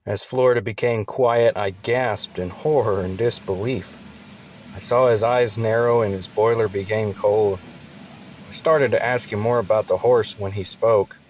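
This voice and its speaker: A man's voice: fairly low pitch, fairly even intonation, measured pace, darkish tone, a little hiss or hum. Man narrating an earnest audio story. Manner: earnest, reflective first-person telling.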